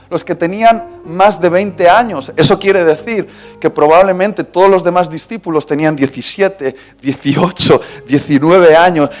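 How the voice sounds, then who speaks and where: A man from Spain with a Spanish accent preaching a sermon in a church, telling a story with dramatic shifts between shouts and hushed tones. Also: a little high. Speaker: pastor. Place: church auditorium.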